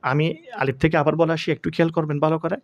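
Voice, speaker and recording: A man's voice: on the high side, steady tone, racing, no echo, muffled recording. A man teaching the pronunciation of Arabic letters, stretching each sound and asking questions he answers himself. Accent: Bangladeshi. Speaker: Quran teacher.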